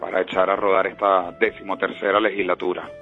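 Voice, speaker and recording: Deep-voiced Venezuelan-born man on a phone line. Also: little pitch movement, fast talker, soft background music. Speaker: politician, interview guest. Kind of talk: radio interview.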